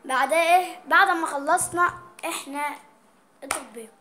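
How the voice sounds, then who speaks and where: A woman's voice: high voice, moderate pace, pushed and bright, a little hiss or hum. A woman with an Egyptian accent, chatting playfully in a vlog as she reads out dialect words and explains what they mean. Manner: playful, reading out dialect words and their meanings. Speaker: vlogger. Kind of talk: casual vlog chat.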